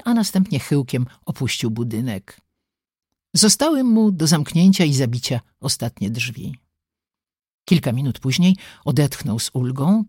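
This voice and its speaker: An audiobook narrator telling the story in an expressive, dramatic way. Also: mid-range voice, husky, dry recording, studio quality. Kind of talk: scripted narration.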